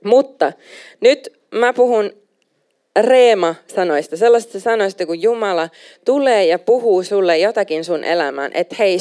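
A young adult woman preaching a sermon, emphatic and animated, slipping in English phrases now and then. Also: mid-range voice, smooth.

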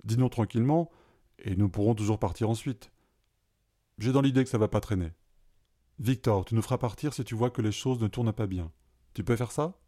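A man reading a story aloud, voicing a calm, matter-of-fact companion who reassures the others. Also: on the low side, fairly quick, pauses often, close to an everyday voice. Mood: reassuring. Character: calm pragmatic male companion.

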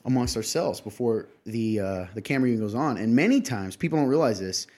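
A man's voice: mid-range voice, expressive, a little fast, darkish tone. A young man co-hosting a podcast in casual chat, teasing and often laughing. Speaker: podcast co-host.

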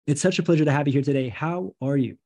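A man hosting a faith podcast interview, welcoming and quick with short affirmations. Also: on the high side, a little mellow. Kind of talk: casual interview talk.

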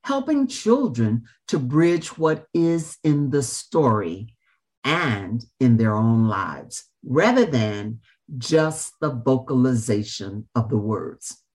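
A woman hosting an interview in a formal, measured and emphatic manner, with deliberate phrasing. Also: very deep voice, sing-song, darkish tone. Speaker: show host and interviewer. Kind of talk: formal scripted introduction and interview.

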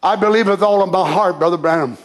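High-voiced shouting preacher. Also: male voice, quick pace. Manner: shouting, impassioned, swings from loud to soft. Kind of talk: sermon.

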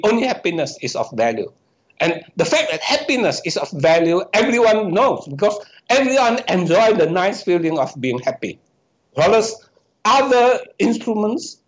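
A man, an economics professor, answering interview questions and explaining his ideas step by step, often breaking off and correcting himself. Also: high voice. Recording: dull, muffled lo-fi audio.

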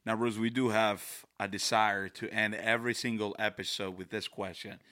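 A man's voice: fairly low pitch, flat delivery, moderate pace, sharp tone, no room sound, clean studio sound. A man co-hosting a faith podcast, speaking reflectively and repeating words as he thinks. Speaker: podcast co-host. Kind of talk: casual faith podcast talk.

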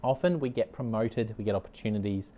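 Speaking directly to camera, this leadership consultant and podcast host gives a motivational talk on leadership. He is a middle-aged Australian with a somewhat low, dark-toned voice and a brisk delivery, earnest and upbeat, and he repeats his main ideas for emphasis. There is slight background noise.

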